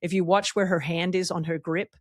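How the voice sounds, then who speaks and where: A woman's voice: lowish voice, fairly even intonation, brisk, dry recording, clean studio sound. A middle-aged woman, hosting a casual podcast chat, frank and teasing. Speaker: podcast host and former tennis player.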